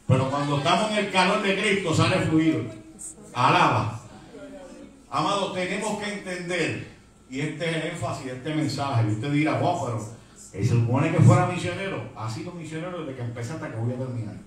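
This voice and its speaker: A man's voice: fairly high pitch, animated, brisk, a bit bright, very echoey, far from the mic, poor audio. A man with a Puerto Rican accent preaching a fervent Pentecostal sermon, dropping in English words. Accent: Puerto Rican Spanish. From Puerto Rico. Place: church hall.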